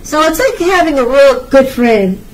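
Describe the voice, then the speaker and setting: This tarot reader has a high voice with big pitch swings and speaks at normal speed. Her unscripted reading addresses the viewer in a reassuring, advisory way, full of hesitations and repeated phrases, and she sounds distant from the mic.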